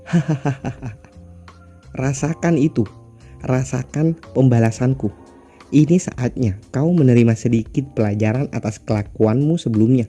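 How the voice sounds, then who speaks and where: A man's voice: medium pitch, moderate pace, warm tone, husky, soft background music, lightly acted. A man doing a sneering villain cultivator. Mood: taunting. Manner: sneering and taunting. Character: arrogant, vengeful male cultivator villain.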